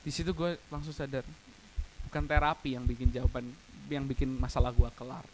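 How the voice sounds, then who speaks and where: A man's voice: medium pitch, fairly even intonation, fairly quick, a little hiss or hum, low-quality recording. A young man preaching a casual, personal youth sermon at an online church service, speaking in slang, slipping in English phrases and growing tearful at times. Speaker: youth pastor.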